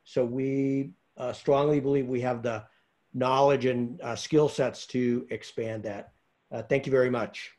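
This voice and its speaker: A man giving a public comment at an online meeting, halting and full of fillers. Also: medium pitch, steady tone, darkish tone. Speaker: public commenter for a care program.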